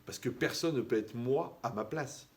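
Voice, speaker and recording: A man giving a lively, conversational sermon as a rabbi, who acts out the people he quotes. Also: medium pitch, normal speed. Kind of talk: animated sermon.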